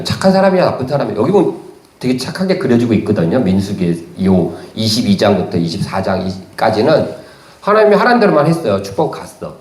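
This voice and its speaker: A man's voice: medium pitch, a little mellow, roomy sound. A man preaching a sermon as a pastor, retelling a story and acting out the characters' lines. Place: church.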